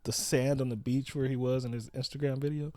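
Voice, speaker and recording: A man from South Central Los Angeles, co-hosting a podcast in loose, slangy casual chat, acting out quotes in high put-on voices. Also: flat delivery, fairly quick, mellow, no room sound. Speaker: podcast co-host.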